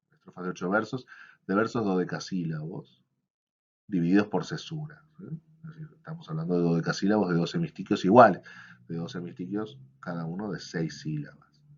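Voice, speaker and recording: A man's voice: low voice, breathy edge. A male lecturer gives a virtual seminar class, often asking "right?" and tapping out rhythms in syllables. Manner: frequent fillers and checking questions. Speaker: university lecturer. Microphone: computer microphone on video call. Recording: dull lo-fi online class audio.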